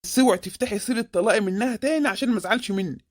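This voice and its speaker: A woman's voice: medium pitch, rapid-fire, no echo, studio quality, natural voice. A woman voicing a scheming middle-aged married man in a comic cartoon, with an Egyptian accent and a sweet-talking, evasive manner. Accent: Egyptian Arabic.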